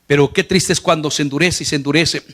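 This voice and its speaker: Speaking fast in a fairly bright, high-leaning voice with fairly even intonation, a Latin American pastor delivers an earnest sermon in Spanish. When he retells scenes, his voice rises on the quoted lines.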